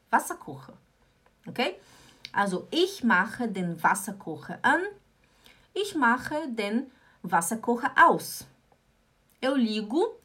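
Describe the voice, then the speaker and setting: A woman teaching German in a live online lesson, slowly repeating and drilling words. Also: medium pitch, a bit bright. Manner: slow, repetitive drilling of words.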